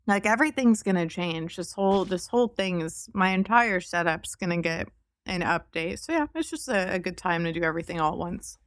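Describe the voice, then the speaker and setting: A woman livestreamer chatting casually with her viewers, relaxed and informal, swearing now and then. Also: fairly low pitch, fairly quick, dry recording, clean studio sound. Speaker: livestreamer and VTuber.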